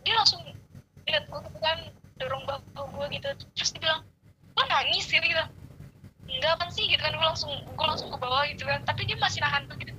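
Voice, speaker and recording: High bright-voiced woman. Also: fast, a little hiss or hum, low-quality recording. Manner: animated, slangy, swears casually. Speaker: storyteller. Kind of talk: casual chat.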